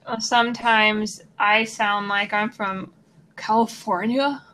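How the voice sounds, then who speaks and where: A woman's voice: a little high, moderate pace, sharp tone, a little hiss or hum. A young woman from Missouri with a Midwestern accent, co-hosting a casual chat podcast in a blunt, sarcastic way. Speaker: podcast co-host.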